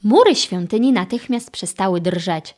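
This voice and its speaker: A woman narrating a children's audiobook with expressive storytelling. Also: medium pitch, normal speed.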